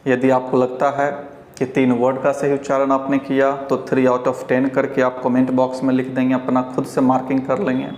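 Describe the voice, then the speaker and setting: A man with a Bihari Hindi accent teaching English pronunciation, explaining slowly and repeating each word for learners. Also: mid-range voice, completely flat delivery, a little mellow. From India. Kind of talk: pronunciation lesson. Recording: echoey room.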